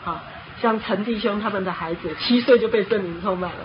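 A woman preacher giving a sermon, telling stories in an animated way and often pausing on a filler word. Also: mid-range voice. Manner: animated storytelling with frequent filler "hao". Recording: dull lo-fi with faint noise.

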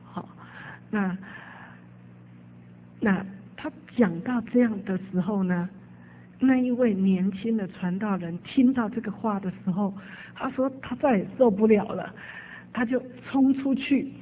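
A woman's voice: mid-range voice, a little slow, pauses often, breathy edge. A woman preacher telling an emotive story in a sermon. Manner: emotive, with frequent "hao" fillers. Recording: tinny phone-like sound.

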